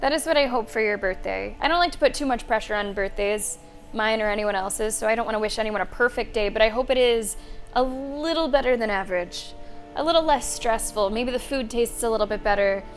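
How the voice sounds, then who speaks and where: With faint game music playing under her voice, a woman gives chatty live playthrough commentary, thanking and speaking to her viewers. Her voice is on the high side and a little fast.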